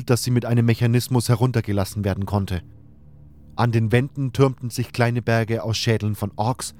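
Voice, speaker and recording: A man's voice: mid-range voice, a little mellow, slight background noise. A man reading a scripted first-person fantasy story as its narrator.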